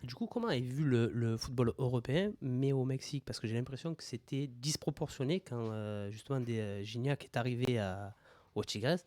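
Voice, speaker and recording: A man's voice: mid-range voice, normal speed, dark tone, no echo. Co-host, man, long winding questions, dry sound. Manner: asks long rambling questions. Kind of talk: casual chat on a livestream.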